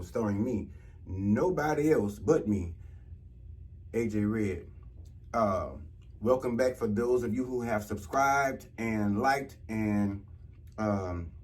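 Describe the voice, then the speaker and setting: A man's voice: lowish voice, darkish tone. Blunt, sweary male recap host. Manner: blunt, exasperated, rambling, swears freely. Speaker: host of a reality TV review show. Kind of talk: casual profane recap and commentary.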